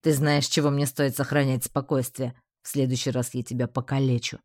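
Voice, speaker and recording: A woman reading an audiobook voices a calm, controlled young man who keeps his temper in check. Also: rumbling low, a little fast, no room sound, clean studio sound, voice pushed down. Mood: calm, guarded. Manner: level, controlled. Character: calm, restrained young male fiancé.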